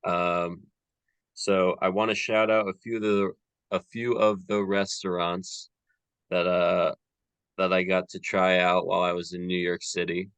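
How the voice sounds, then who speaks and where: A man's voice: low-pitched, measured pace, clear, resonant tone, no room sound. A man hosting a podcast, chatting casually and rambling a little with plenty of fillers. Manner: relaxed, rambling, many fillers. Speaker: podcast host.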